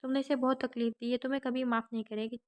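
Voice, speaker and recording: A woman's voice: a little high, flat delivery, close to an everyday voice. A woman voicing a proud, wounded young wife who speaks in a cold, stern way.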